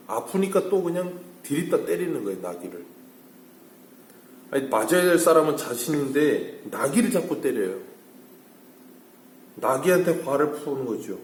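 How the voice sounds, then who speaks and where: A man's voice: mid-range voice, a little mellow, reverberant, slight background noise. A man preaching at an early-morning church service. He asks the congregation questions and then answers them himself. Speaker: pastor. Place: church sanctuary.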